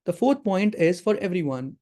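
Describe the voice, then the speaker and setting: The webinar host, a career coach, has a high-pitched, dark-toned voice and sounds very animated while keeping a moderate pace. Addressing a live audience, he gives earnest advice, repeats words a lot, and keeps checking in with listeners.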